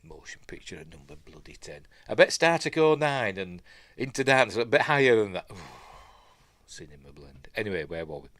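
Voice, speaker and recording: Sniffling through a stuffy nose, this Yorkshire-accented man hosts a news live stream in a low, sing-song, slightly bright voice, talking briskly with no echo. His delivery is rambling and chatty, broken up by self-interrupting asides and mumbled afterthoughts.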